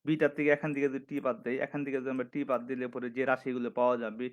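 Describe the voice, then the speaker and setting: A man's voice: mid-range voice, steady tone, racing. A man from Bangladesh teaching a physics lecture, working through formulas step by step and correcting himself as he goes. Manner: methodical, dictating formulas step by step, restarts and self-corrections. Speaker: physics instructor. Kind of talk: recorded classroom lecture. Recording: slightly dull lo-fi audio.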